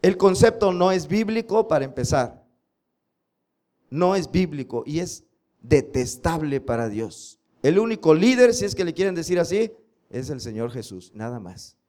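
A man preaches a sermon. He drills scripture slowly and emphatically, pausing to throw rhetorical questions at his listeners. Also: on the high side, very animated, darkish tone. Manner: slow emphatic recitation of scripture, drilling the audience. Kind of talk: sermon with congregation recitation.

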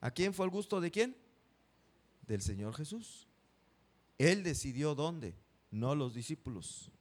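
Preacher guy, kinda high voice, keeps asking the church questions, reads verses slow. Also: very animated. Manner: asks the congregation questions, reads verses slowly. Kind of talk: sermon.

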